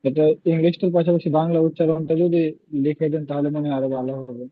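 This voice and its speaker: A man's voice: on the high side, steady tone, fast, dry recording, narrow, tinny audio. A male student in an online class, speaking politely and deferentially to the teacher.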